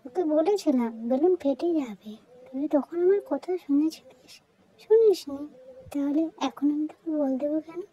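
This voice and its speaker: A woman voicing a stubborn older girl doll who bosses her little sister, in a childlike, squeaky voice. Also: animated, normal speed, dark tone, muffled recording.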